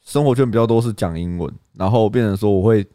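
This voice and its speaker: A man's voice: lowish voice, fast talker, mellow, no room sound, studio quality. A young man with a Taiwanese Mandarin accent, co-hosting a casual chat podcast, restarting mid-sentence and tossing in joking asides. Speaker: podcast co-host.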